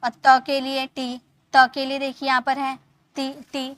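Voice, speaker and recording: A woman from India giving an online lesson as an English teacher, patiently explaining and often checking that the point is clear. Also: high-pitched, monotone, a little slow, fairly bright tone. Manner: patient, repeats points with frequent check-ins.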